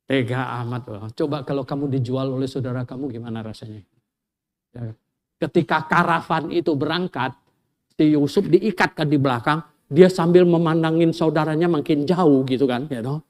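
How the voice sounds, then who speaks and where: A man with an Indonesian accent, a pastor preaching a sermon, telling a story with lively swings from loud exclamations to quiet asides and acting out the people in it. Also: a little high, normal speed.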